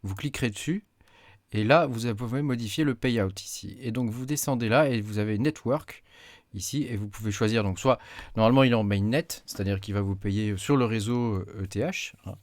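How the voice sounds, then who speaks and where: A lower-pitched man talks through a computer tutorial in a relaxed, halting way, filling pauses as he clicks. His voice is close and dry at a desk mic, with keyboard typing now and then behind him. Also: dry recording. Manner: hesitant, many fillers, talks while clicking. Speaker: tech YouTuber. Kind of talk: casual screen-recorded tutorial.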